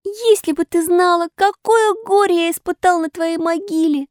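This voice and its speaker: Woman doing Pinocchio, a squeaky puppet boy. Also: fairly even intonation, moderate pace, no room sound, clean studio sound. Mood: pleading. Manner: squeaky exclamatory child voice. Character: wooden puppet boy, mischievous, eager, excitable. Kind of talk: audiobook character voice.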